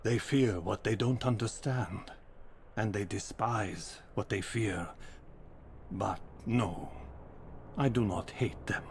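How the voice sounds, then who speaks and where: Game role: ancient gentle vampire, world-weary and formal, very unhurried delivery, roomy reverberant sound. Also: male voice, lowish voice, slight background noise. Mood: gentle, forgiving. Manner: weary, solemn, measured formal speech. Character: ancient male vampire, last of his race, weary, gentle immortal. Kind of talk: dramatic video game voice acting. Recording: echoey, loud music behind.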